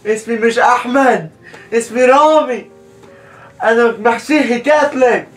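A man's voice: very high-pitched, normal speed, fairly bright tone. A man playing a desperate young detainee. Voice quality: pleading and panicked, mixes English with broken Arabic. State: in pain, crying out. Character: young male detainee claiming to be foreign. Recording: distant mic with music underneath.

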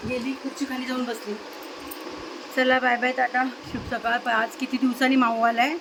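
A woman's voice: sits high, level tone, normal speed, background noise. A woman, vlogging at home and coaxing her cats in a cooing voice. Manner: coaxing, cooing baby talk to pets. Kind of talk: casual vlog talk to her cats. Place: home with pets.

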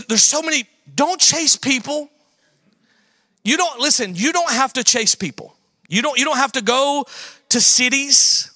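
A man preaching a sermon as a guest pastor, telling stories with folksy phrasing and swinging from loud exhortation to hushed asides. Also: very high-pitched, no room sound.

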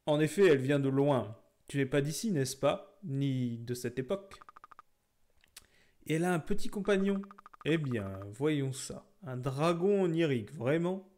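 A man's voice: a little high, expressive, a little slow, a little mellow. A man voicing a pair of seductive scheming demon twins in a video game, speaking in a purring, honeyed tone with mock-sweet menace. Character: seductive twin demons, incubus and succubus.

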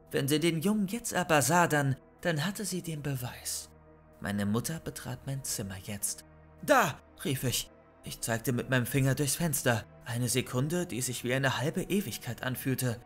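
A man in a mid-range voice reads a horror story aloud, measured and suspenseful in his pacing. Faint music plays softly behind him. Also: medium pitch. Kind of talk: scripted narration of a horror story. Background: faint background music.

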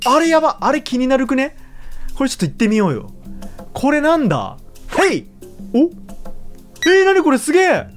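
A woman giving casual let's-play commentary, chatty and excitable, laughing often as she reacts. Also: fairly high pitch. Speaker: gaming YouTuber.

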